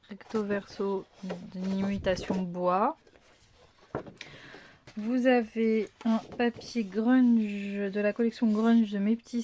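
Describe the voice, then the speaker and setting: A woman's voice: medium pitch, noisy background. A woman hosting a casual craft unboxing video, thinking aloud with lots of fillers and apologetic self-corrections.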